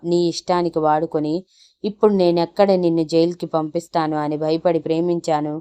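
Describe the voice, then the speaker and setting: Narrator playing a young woman, tearful, accusing, low voice, smooth, clear. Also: mellow, natural voice.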